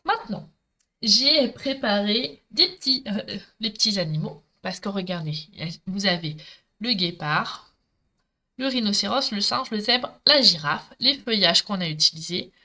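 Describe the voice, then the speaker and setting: A woman's voice: medium pitch, animated, unhurried, bright, forceful tone. A middle-aged woman with a Marseille accent, chatting with viewers while she demonstrates a craft project live. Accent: Marseille French. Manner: chatty, talkative, addresses viewers directly.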